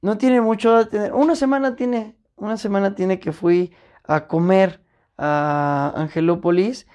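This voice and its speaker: A young Mexican woman chatting casually on a podcast, telling a story in a slangy, animated way and acting out what other people said. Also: medium pitch, unhurried. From Puebla, Mexico.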